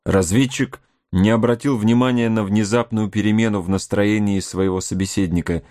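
A man narrating a novel aloud, in a measured, even reading style. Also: fairly low pitch, dry recording, clean studio sound. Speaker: audiobook reader. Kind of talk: storybook narration.

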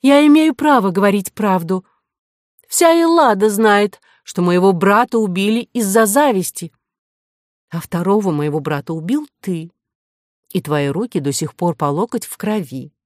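A woman's voice: mid-range voice, expressive, moderate pace, a little mellow, dry recording, studio quality, close to an everyday voice. A woman voicing a proud, imperious young princess in an audiobook, speaking in a commanding, indignant, emphatic way. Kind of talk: audiobook character voice.

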